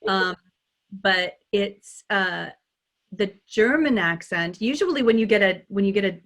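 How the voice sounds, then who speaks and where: A woman talks as a dialect coach in a casual interview. She is animated and laughs easily, restarting her sentences as she thinks aloud. Her voice sits at an ordinary middle pitch. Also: unhurried. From United States. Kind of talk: conversational interview.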